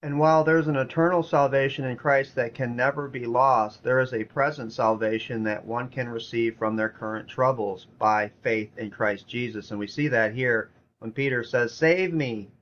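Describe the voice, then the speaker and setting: A man's voice: mid-range voice, steady tone, normal speed, fairly bright tone. Earnest man preaching a sermon, lo-fi. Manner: earnest, repetitive, reads scripture aloud. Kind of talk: sermon teaching.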